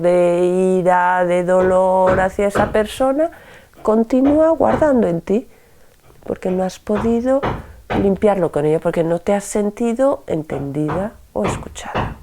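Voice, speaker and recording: A woman teaching a spoken self-help lesson, expressive, dropping to soft whispers and rising sharply for emphasis. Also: fairly low pitch, measured pace.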